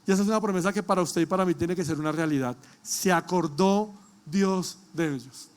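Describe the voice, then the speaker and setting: A male pastor delivers a sermon, sharing an emotional personal testimony that builds into loud calls to the congregation. His voice is high and clean, and he speaks fairly quickly.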